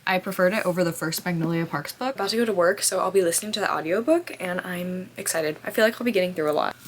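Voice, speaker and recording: A woman's voice: lowish voice, fast talker, slight background noise. A young woman chatting casually in a reading vlog, full of "like" fillers. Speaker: vlogger. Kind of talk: casual chat.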